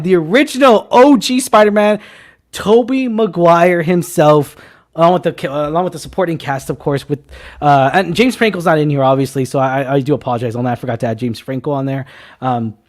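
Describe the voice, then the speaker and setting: A man in his twenties hosting a casual movie talk show, excitable and teasing, with loud bursts. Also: high voice. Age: 20s. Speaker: podcast host. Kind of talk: casual film chat.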